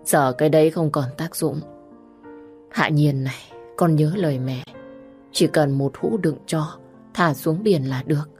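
A woman's voice: low-pitched, unhurried, pauses often, a little mellow, soft background music. A woman voicing a dying elderly mother who speaks weakly and pleads tenderly with her daughter in a told story. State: dying, gasping.

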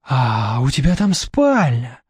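A man's voice: mid-range voice, huge pitch swings, slow, slightly rough, no room sound, clean studio sound, voice pushed down, heavily acted. Man doing a sneering slick young thug. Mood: menacing. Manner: menacing, sneering, hissing.

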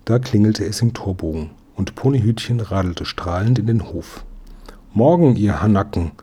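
Male audiobook narrator, low voice, dark husky tone, measured storytelling.

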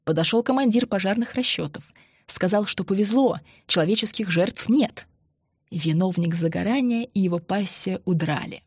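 Husky woman narrating an audiobook. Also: mid-range voice, moderate pace, a little mellow, no echo, studio quality. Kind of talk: scripted narration.

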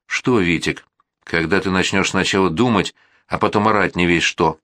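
Male reader as a gloomy, principled boy, low voice, dry sound. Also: normal speed, fairly bright tone, no room sound. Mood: urgent. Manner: gloomy, reasoning. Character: sensible boy, sullen and principled.

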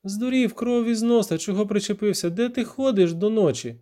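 A man's voice: animated, normal speed, dark tone, lightly acted. A man reading an audiobook, voicing an angry, defensive young woman who snaps and accuses. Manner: shrill, accusing, snapping.

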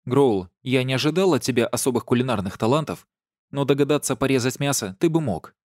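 A man's voice: mid-range voice, lively intonation, brisk, a little mellow, dry recording, voice pushed up, close to an everyday voice. A man voicing a weary, sardonic werewolf woman who hands out dry, practical advice, in an audiobook. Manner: mocking, matter-of-fact advice.

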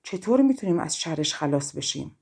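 A woman's voice: sits low, sing-song, vocal fry, darkish tone, slightly rough, exaggerated voice. A woman voicing sly, scheming young brothers.

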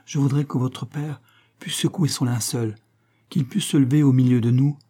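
A man's voice: mid-range voice, steady tone, normal speed, dark tone, natural voice. A man voicing a passionate, hot-tempered young nobleman speaking ardently. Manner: ardent, vehement.

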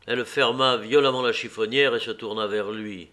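A man narrating a classic novel in a measured, expressive audiobook reading. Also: mid-range voice. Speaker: audiobook reader. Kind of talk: literary narration.

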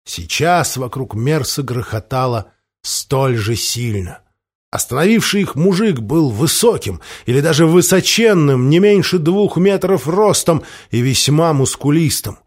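A man reads a fantasy novel aloud in a measured, descriptive way. His voice sits a touch above the usual male range. He sets each scene calmly between the characters' lines. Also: a little high. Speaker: audiobook narrator. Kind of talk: scripted fiction narration.

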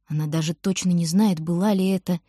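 A woman reading a children's story aloud as narrator, steady and expressive. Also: lowish voice, a little fast, husky, no room sound, clean studio sound. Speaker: audiobook narrator. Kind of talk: scripted narration.

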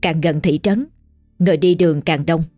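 A woman reading a ghost story as scripted narration, steady and measured. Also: deep voice, dry recording. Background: faint music.

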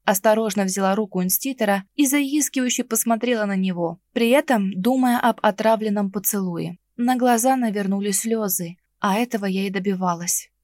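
A woman reading a fantasy novel aloud in first person, lively and expressive. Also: mid-range voice, normal speed, hardly any pauses, no room sound. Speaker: audiobook reader. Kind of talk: audiobook narration.

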